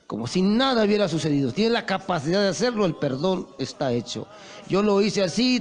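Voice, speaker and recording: A man preaching a sermon, telling stories and acting out the quoted voices with passion. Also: high voice. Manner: impassioned, storytelling with acted quotes.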